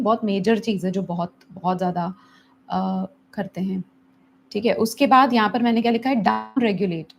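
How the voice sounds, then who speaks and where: A woman's voice: medium pitch, a little mellow, a little hiss or hum. A middle-aged woman therapist who answers viewers' questions in a live teaching session, mixing English phrases into her Hindi. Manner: mixes English phrases into Hindi, acts out stressed parents in a raised voice.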